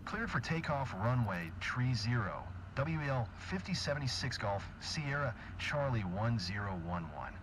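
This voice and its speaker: A man's voice: mid-range voice, measured pace, a crowd in the background, rough recording. A man making clipped, formulaic pilot radio calls to the control tower through a cockpit headset. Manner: flat, formulaic read-back delivery. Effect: pilot radio call through a cockpit headset. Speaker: simulated airline pilot. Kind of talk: clipped air traffic radio phraseology.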